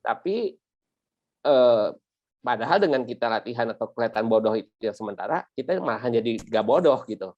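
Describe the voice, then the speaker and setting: A male host who talks fast, telling a story in a chatty way. His voice sits in a middling register. The recording is dry and slightly muffled. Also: medium pitch, lively intonation, no room sound. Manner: chatty, storytelling with quoted asides. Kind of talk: casual chat.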